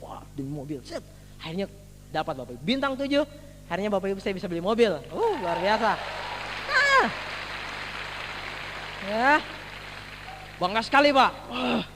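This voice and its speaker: High-voiced man telling his story in a hall. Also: normal speed, pauses often. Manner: animated storytelling with exclamations and direct address. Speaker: network marketing member giving a testimony. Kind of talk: motivational testimony to a seminar audience. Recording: reverberant hall with faint background noise.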